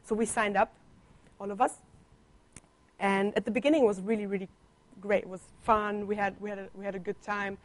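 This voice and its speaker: Her voice is medium-pitched and fairly even, her pace fairly quick, as this young woman offers a personal testimony in a church talk. She's a visiting guest speaker on placement from Germany whose first languages are Italian and German, with a conversational, teasing style and a slight cough.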